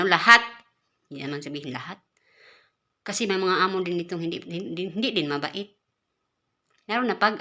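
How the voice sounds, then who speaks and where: A woman from the Philippines talks to her viewers in a loose, chatty vlog. Her voice is bright and clear. She often repeats and restarts words and breaks into laughs as she goes. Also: medium pitch. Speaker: caretaker vlogger. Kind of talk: casual vlog talk.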